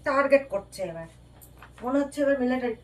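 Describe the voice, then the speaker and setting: A woman talking to her pet cat in soft, coaxing, pleading baby talk. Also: high voice, expressive, a little fast. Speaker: pet owner.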